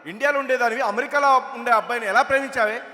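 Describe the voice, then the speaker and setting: A man's voice: very high voice, very fast, bright, forceful tone. A man doing an exasperated worried father. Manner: exasperated, pleading. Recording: reverberant hall.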